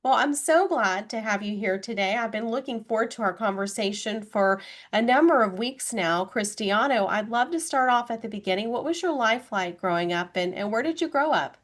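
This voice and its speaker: A woman's voice: on the high side, normal speed, hardly any pauses. A woman hosting a podcast, reading a polished scripted introduction and asking interview questions. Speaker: podcast host, recruiter.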